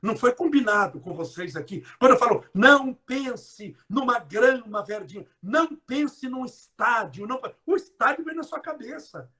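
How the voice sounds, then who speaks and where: A man's voice: extremely high pitch, animated. A man from the São countryside, giving a live motivational talk. He talks emphatically, drags out stressed words, and asks his listeners playful direct questions. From interior of São Paulo state, Brazil. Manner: emphatic, with drawn-out stressed words and sudden loud bursts. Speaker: motivational speaker.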